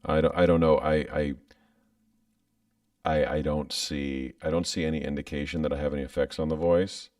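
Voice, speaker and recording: With a mellow-ish bass voice, level tone, and moderate pace, a man in his thirties chats on his livestream from home, rambling hesitantly and restarting often. He's a content creator using a studio mic with headphones, and the sound is echo-free yet distant.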